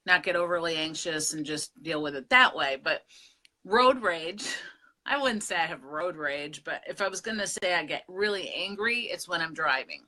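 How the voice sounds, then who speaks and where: A middle-aged woman from Pennsylvania, co-hosting a casual vlog chat. Her voice is bright and forward and sits a little low in pitch, and she talks candidly with lively storytelling. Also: moderate pace. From Pennsylvania, USA. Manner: candid, animated storytelling with laughs. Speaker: co-host. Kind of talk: casual conversation.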